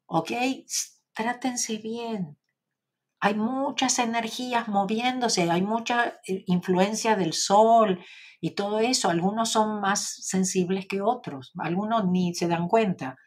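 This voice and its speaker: A woman with an Argentine accent answers viewers in a casual live-stream Q&A. Her voice is slightly husky and breathy, and her pitch sits in a middle range. She reassures her audience and keeps checking in with a quick "ok?". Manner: reassuring, tags sentences with "¿ok?". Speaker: spiritual teacher hosting a live stream.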